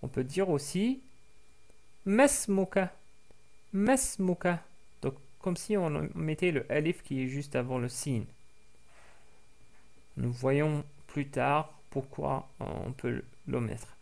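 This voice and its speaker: Man, language teacher, slow careful delivery, repeats each word, hesitant fillers, mid pitch. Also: gravelly, a little mellow. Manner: frequent hesitations with "euh". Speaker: Arabic teacher. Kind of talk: language lesson for French speakers.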